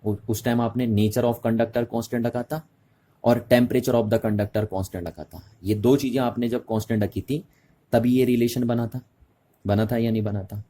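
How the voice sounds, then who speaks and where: At a moderate pace and medium pitch, a warm-toned man lectures on physics with fairly even intonation. His Hindi-English lesson is patient, with repeated key terms and regular checks that students understand.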